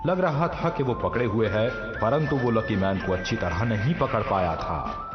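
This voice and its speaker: An actor playing a matter-of-fact cartoon narrator, delivering scripted explanations. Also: male voice, lowish voice, expressive, normal speed. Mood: explanatory. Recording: muffled audio under loud music.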